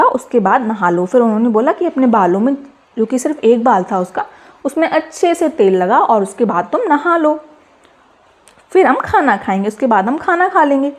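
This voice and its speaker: A woman's voice: a little high, darkish tone. A woman teacher reading a children's story aloud and retelling each line in simpler words, checking in with questions.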